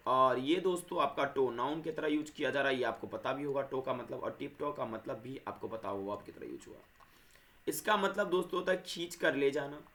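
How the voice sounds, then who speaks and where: A man's voice: a little high, fairly bright tone. Man teaching grammar, repetitive. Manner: repetitive, addresses viewers as friends; corrects himself mid-sentence. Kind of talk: explaining grammar to viewers.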